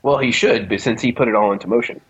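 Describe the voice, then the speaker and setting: A man's voice: fairly low pitch, fast, breathy edge, dull audio. A man co-hosting a casual movie podcast, recapping the plot and leading the talk. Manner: recaps the plot, leads the discussion. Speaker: podcast co-host.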